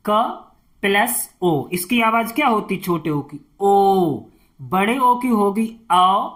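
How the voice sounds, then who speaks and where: Woman, Hindi teacher, slow and patient, repeats each sound and checks in with the listener, mid-pitched voice. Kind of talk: slow step-by-step alphabet lesson.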